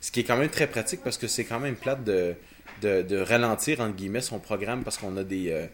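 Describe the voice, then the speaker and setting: A man with a Quebec French accent co-hosting a casual technical talk, explaining haltingly and often repeating words. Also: fairly low pitch, a little hiss or hum. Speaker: podcast co-host.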